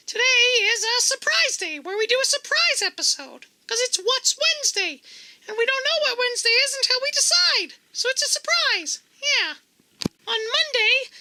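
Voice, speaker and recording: A performer uses a squeaky, woman-sounding voice to play a small, timid but cheerful monkey puppet who hosts a children's show with kids' party magician patter. The delivery is heavily acted, with a bright, forceful tone.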